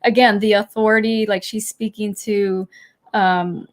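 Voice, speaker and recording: Female co-host, middle-aged, soft-spoken and hesitant, casual chat. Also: mid-range voice, little pitch movement, unhurried. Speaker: podcast co-host. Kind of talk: casual spiritual self-help chat.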